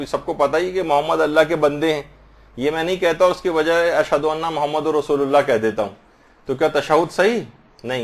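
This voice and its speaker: A man giving a religious lesson, slowly demonstrating and repeating words of prayer to correct pronunciation. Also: fairly high pitch. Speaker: religious teacher.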